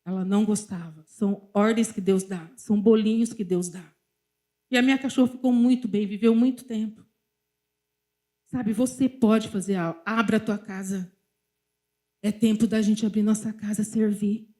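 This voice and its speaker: A middle-aged woman with a Brazilian Portuguese accent preaches at church, weaving personal testimony into her sermon and often speaking straight to the congregation. Her voice is medium-pitched and dark in tone, with fairly even intonation and a moderate pace.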